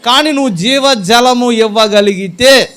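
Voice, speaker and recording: A pastor delivers a sermon to his congregation in a strikingly high voice. He leads it with questions he answers himself. He acts out small scenes with a listener to make his point. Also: a little slow, a bit bright. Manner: fires rhetorical questions at the congregation and answers them. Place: church service.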